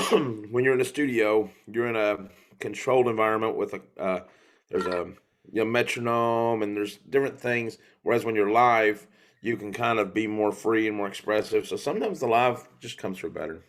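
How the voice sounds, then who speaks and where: A man's voice: lowish voice, moderate pace, a bit bright, a little hiss or hum. A man, a guest singer-songwriter, talking in a loose, rambling storytelling way with fillers and asides. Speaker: guest musician. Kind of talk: live singing and casual interview chat.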